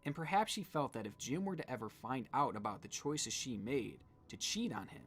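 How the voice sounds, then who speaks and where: A man's voice: medium pitch, lively intonation, normal speed, slight background noise. A man giving scripted narration in the style of a true-crime video.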